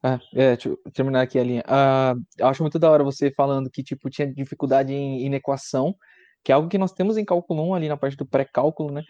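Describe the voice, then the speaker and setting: A man's voice: mid-range voice, quick pace, dry recording. A man, a student co-host, chatting casually and cracking jokes. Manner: relaxed, joking interjections. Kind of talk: casual podcast chat. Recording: dry, slightly dull lo-fi sound.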